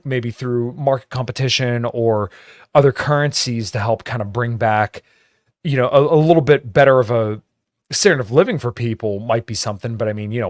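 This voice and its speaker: Man, podcast host, casual, swears, mid-pitched, dry close sound. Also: dry recording. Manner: casual, swears, many you-knows. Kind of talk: casual political discussion.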